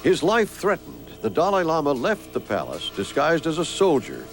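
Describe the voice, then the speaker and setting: A man's voice: fairly high pitch, wildly swooping pitch, moderate pace, creaky. A man reading scripted documentary narration as the film's narrator. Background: music.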